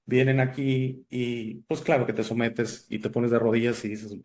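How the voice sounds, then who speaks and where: A man's voice: medium pitch, flat delivery, moderate pace, darkish tone. A man from Italy, raised elsewhere, hosting an interview in a chatty way with many fillers and restarts. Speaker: host. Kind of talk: casual interview chat.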